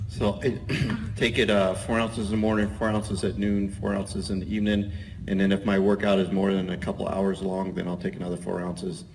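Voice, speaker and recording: A man's voice: sits low, monotone, fairly quick, background noise. A man in his fifties speaking plainly and matter-of-factly on an athlete panel. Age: 50s. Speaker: panelist, racer. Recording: distant mic in an event space.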